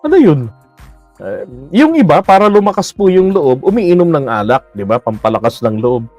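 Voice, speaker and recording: A man's voice: a little high, big pitch swings, normal speed, darkish tone, no room sound, soft background music. A man giving blunt, mocking political commentary in a casual livestream, laughing often and using many fillers.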